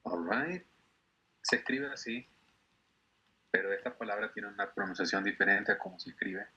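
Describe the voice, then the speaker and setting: Male teacher, patient and explanatory, bright edgy tone on dull call audio. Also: lowish voice, lively intonation, husky. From Ecuador. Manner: patient, explanatory, repeats words slowly for students. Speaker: English teacher. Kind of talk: online class instruction.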